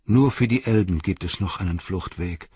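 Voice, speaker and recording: A man's voice: low-pitched, normal speed, breathy edge. Man voicing Frodo, anguished young hobbit. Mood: despairing. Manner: anguished, flaring to shouting. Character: frightened young male hobbit hero, worn down. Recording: dull dry audiobook recording.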